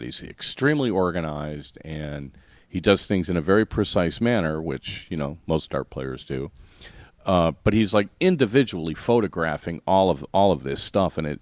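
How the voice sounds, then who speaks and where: Low-voiced rambling podcast host. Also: male voice, darkish tone, no room sound. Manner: rambling, self-correcting, explains slowly. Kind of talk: casual chat.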